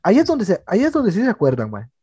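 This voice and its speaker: Un hombre joven con acento costarricense que charla entre amigos en un podcast y cuenta anécdotas de forma animada, repitiendo "mae" sin parar. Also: male voice, high-pitched, fast talker, slightly rough, no room sound, clean studio sound. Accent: Costa Rican. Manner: animated storytelling, says "mae" constantly. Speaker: podcast co-host. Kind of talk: casual chat among friends.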